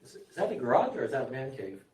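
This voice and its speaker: A man chairing a school board meeting, his voice raspy after surgery, joking and casual. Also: mid-range voice, very animated, racing. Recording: echoey room, distant mic, faint noise.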